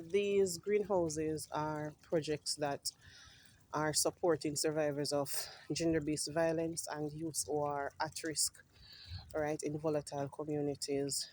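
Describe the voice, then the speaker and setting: A woman's voice: sits low, a little mellow, slight background noise. Passionate woman giving a greenhouse tour. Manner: passionate, often adds "right?"; clears her throat now and then. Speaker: farm project representative. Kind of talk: walking greenhouse tour talk. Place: inside a greenhouse.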